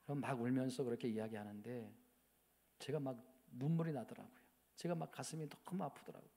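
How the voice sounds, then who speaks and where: High-voiced pastor preaching in a reverberant church. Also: male voice. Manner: emotional storytelling that swings from hushed to loud emphatic outbursts; addresses the congregation with repeated rhetorical questions. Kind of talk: sermon. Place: church sanctuary. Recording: long church hall reverb.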